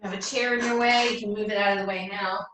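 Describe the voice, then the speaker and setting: A woman's voice: mid-range voice, fairly even intonation, fast, fairly bright tone. A woman coaching a live workout class like a gym coach, cueing exercises and encouraging as she goes. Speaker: fitness instructor leading a circuit workout. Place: echoey indoor room, away from the mic. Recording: echoey room, distant mic, faint noise.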